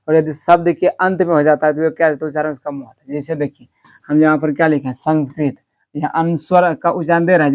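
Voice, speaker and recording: A man teaching a lesson. He asks questions and answers them himself, keeps checking with his listeners, and stretches words out slowly to show how they are said. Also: a little high. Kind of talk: classroom-style lesson.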